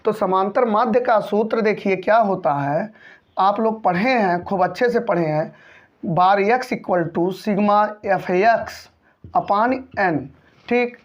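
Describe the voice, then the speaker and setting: A man's voice: high voice, takes it slowly. A man teaching a maths lesson, patiently going over each step and often checking in with his students. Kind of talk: maths lesson explaining a textbook problem. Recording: dull lo-fi recording.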